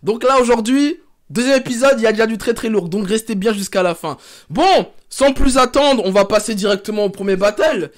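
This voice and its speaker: A man's voice: high-pitched, brisk. A young man hosting a casual livestream show, hyped, slangy and upbeat as he welcomes guests and lays out the program. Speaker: host.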